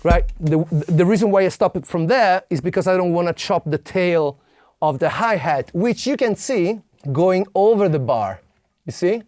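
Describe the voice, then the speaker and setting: A man's voice: high voice, expressive, moderate pace, a little mellow. A man explaining step by step as a music producer in a studio tutorial, sometimes mouthing drum rhythms aloud. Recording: drum machine and synths playing under voice.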